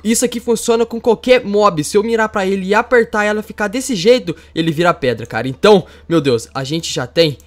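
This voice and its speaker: A man with a Brazilian Portuguese accent hosting a Minecraft let's play, excitable and jumping to loud squeals when startled. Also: sits high, brisk, few pauses. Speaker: gaming youtuber host.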